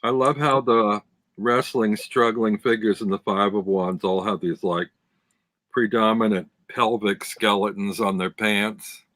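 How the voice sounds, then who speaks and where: A man with a low voice chats slowly and enthusiastically on a live stream. He lingers over details. The sound is dry and close. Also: fairly even intonation, a bit bright, no echo. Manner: chatty, enthusiastic, describes details. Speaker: tarot deck reviewer, co-host. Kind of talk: casual live-stream chat.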